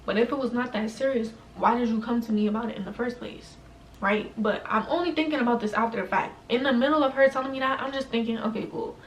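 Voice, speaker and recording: A woman's voice: a little high, fast talker. Chatty young New woman, roomy echo. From New York, USA. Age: young adult. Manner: slangy, chatty, heavy use of "like". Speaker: vlogger. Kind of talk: casual storytime chat. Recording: roomy echo, mic at a distance, faint room noise.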